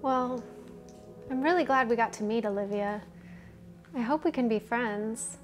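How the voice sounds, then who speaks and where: A woman's voice: fairly high pitch, unhurried, faint music behind, lightly acted. An actress playing a polite, awkward young girlfriend with a hesitant manner in a naturalistic drama. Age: young adult. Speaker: actor. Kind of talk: naturalistic scripted drama acting. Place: indoors in an apartment.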